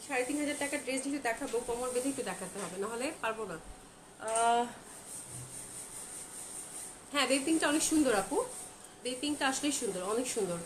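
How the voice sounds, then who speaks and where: A woman selling clothes on a live stream, chatting and gushing over each dress while slipping in English phrases. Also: sits high. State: feeling hot. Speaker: online clothing seller. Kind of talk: live-stream product showcase. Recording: echoey room with loud background noise.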